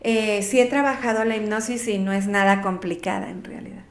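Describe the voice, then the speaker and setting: A woman's voice: medium pitch, fairly even intonation, a little fast. A middle-aged woman with a Mexican accent, a guest chatting in an interview who talks things through aloud and sometimes trips over her words. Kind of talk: casual interview talk.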